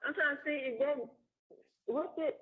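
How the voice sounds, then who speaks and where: A woman chatting fast and slangy on a recorded payphone call from jail. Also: sits high, narrow, tinny audio. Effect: payphone call line. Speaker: caller on a jail phone call. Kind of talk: casual phone chat.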